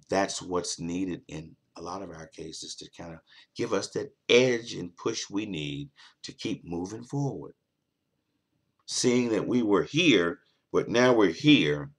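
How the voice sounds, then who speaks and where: A man's voice: low-pitched, breathy edge. A man hosting a late-night talk show, delivering an earnest motivational monologue that repeats its key points for emphasis.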